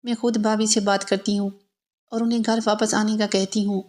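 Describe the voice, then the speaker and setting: A woman voicing a stern but caring middle-aged aunt in a flat, even reading. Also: mid-range voice, close to an everyday voice.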